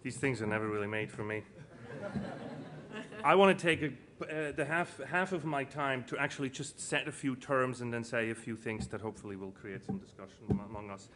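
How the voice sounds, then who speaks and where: At an indoor conference panel before a live audience, a middle-aged Swiss entrepreneur and foundation co-founder gives an informal, earnest speech. His mid-range voice is fairly quick and bright, and he leans on rhetorical questions and repetition for stress. Background noise from the room is clearly audible.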